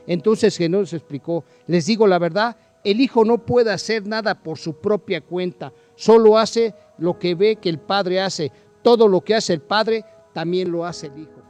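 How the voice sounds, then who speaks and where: Pastor with a high voice preaching a sermon, reading scripture, questioning the congregation, faint music underneath. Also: male voice, darkish tone. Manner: preaching with Bible readings and direct questions to the listener.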